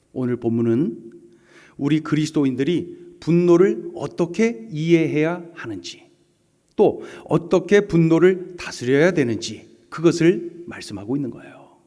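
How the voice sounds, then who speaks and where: A man's voice: fairly high pitch, mellow, big-room sound. A man preaching a Sunday sermon as pastor, telling stories and pressing the point with rhetorical questions. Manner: storytelling, rising to emphatic rhetorical questions. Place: church sanctuary.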